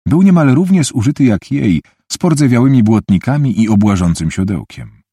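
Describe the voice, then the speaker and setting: A man narrating an audiobook in a measured storytelling manner, with a husky voice, recorded on a close mic. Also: medium pitch, animated, mellow, no room sound. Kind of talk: scripted narration.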